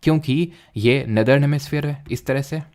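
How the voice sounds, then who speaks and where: A man's voice: medium pitch, fairly quick, darkish tone. A man teaching an exam-prep geography lesson, explaining while he draws and repeating key terms.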